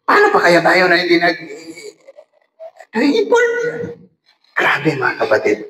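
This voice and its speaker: A man preaching an evangelistic revival sermon, emphatic and animated, appealing directly to his listeners. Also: fairly high pitch, a little fast. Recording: echoey hall with faint ambient noise.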